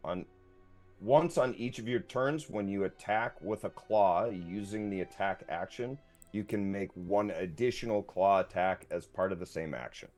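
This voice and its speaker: A man's voice: sits low, moderate pace, a little mellow, soft background music. A man playing a tabletop role-playing game, chatting casually in a playful, jokey way.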